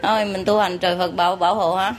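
Her voice fairly low and flat, delivered at a quick pace, this woman spiritual teacher with a Southern Vietnamese accent chats and jokes with her followers in an informal teaching talk. She keeps adding rhetorical tag questions, and the audience laughs in the background.

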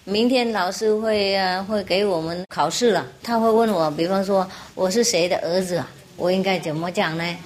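Naive cheeky little boy, as a woman puts him on, high earnest voice, storytelling. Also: moderate pace, few pauses, close to an everyday voice.

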